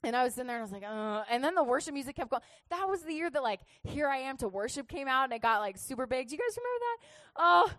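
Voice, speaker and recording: A woman's voice: sits high, big pitch swings, rapid-fire, hardly any pauses, fairly bright tone, dry recording. A woman youth pastor telling a chatty, humorous testimony in a sermon, laughing often.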